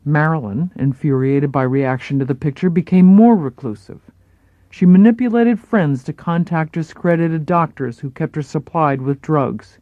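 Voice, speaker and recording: A narrator giving a measured, dramatic scripted reading of a story. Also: medium pitch, no room sound, narrow, tinny audio.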